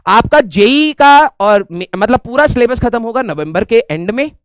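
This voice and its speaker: A man with an Indian accent teaches a physics class online, in a very high, smooth voice. The sound is dry and close, with no room echo. He talks chattily and jokes while checking in with his students. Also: animated, moderate pace. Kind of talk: online class lecture in mixed Hindi and English.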